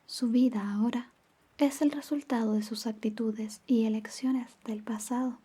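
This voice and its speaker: Woman acting breathy girlfriend in ASMR role-play. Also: on the high side, fairly even intonation. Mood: gentle, reflective. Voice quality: breathy, soft-spoken. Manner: soft, intimate, slow storytelling. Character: caring, teasing girlfriend reading bedtime stories.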